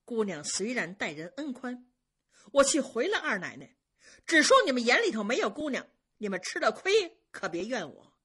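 A woman storyteller voicing a sharp-tongued young female head maid who scolds the servants briskly and commandingly. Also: medium pitch, very animated, breathy edge, full character voice. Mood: scolding.

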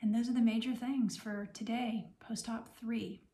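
A middle-aged woman recovering from surgery speaks in a soft-edged, fairly high voice with very little melodic movement. She explains things gently and takes her time, pausing as she goes. It is a casual home vlog, recorded in a roomy, echoing space. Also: steady tone. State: recovering from recent surgery, sore. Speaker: health vlogger sharing recovery advice. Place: small home room, indoors.

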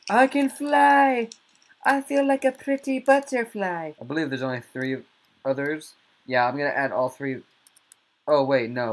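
Goofy gamer dude chatting slow over his gameplay, jokes around, squeaks up out of nowhere sometimes. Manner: goofy, jokey, with sudden squeaky outbursts. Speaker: gaming YouTuber. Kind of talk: casual gameplay commentary.

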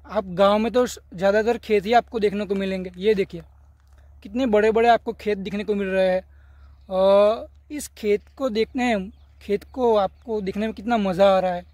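A man's voice: sits high, steady tone, moderate pace, a little mellow, no echo. A young man from Gujarat talking casually to camera on a village vlog, filming himself at arm's length outdoors and pointing things out to viewers. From Gujarat, India. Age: young adult. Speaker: vlogger. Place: village lanes and fields outdoors. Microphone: camera held at arm's length.

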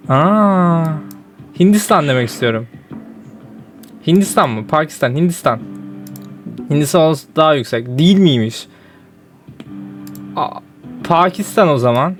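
A man's voice: a little high, animated, measured pace, pauses often, soft background music. A young man giving casual commentary while playing a geography game, often exasperated and breaking into outbursts. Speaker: gaming streamer.

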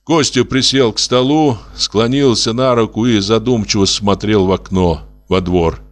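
A man reading a short story aloud as an audiobook narrator, with expressive storytelling. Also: fairly low pitch, a little slow. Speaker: audiobook reader.

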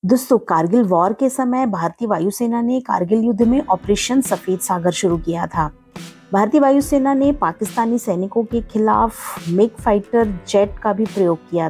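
A woman's voice: medium pitch, a little mellow. A woman narrating a travel vlog voice-over in a formal, reverent tone, often turning to the viewers as friends.

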